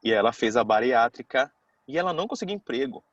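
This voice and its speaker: A man's voice: medium pitch, lively intonation, quick pace, no echo, muffled recording. A man, telling a personal story to a class in a casual, chatty way and acting out the people he quotes. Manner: chatty, keeps saying "cara".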